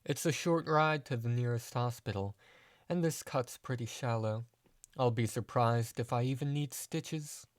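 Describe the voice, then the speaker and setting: A man's voice: medium pitch, a little slow, dry recording, studio quality, lightly acted. A man voicing a tough young woman brawler in a first-person audio story, matter-of-fact and wry.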